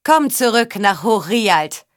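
A woman reading the part of a mocking, scheming middle-aged knight in an audiobook, speaking slowly and drawing out words. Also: mid-range voice, very animated, fairly bright tone, dry recording, studio quality. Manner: mocking, drawn-out delivery.

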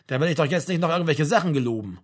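A man doing a young male conscript, stubborn, flat insistent replies, husky, raised pitch. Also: racing.

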